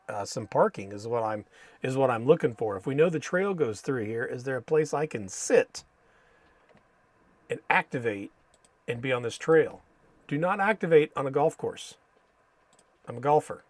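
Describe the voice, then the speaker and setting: An American man hosting a casual live stream, thinking aloud haltingly and saying Spanish names with an American accent. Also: mid-range voice, animated, no echo. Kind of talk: casual live stream commentary while reading maps.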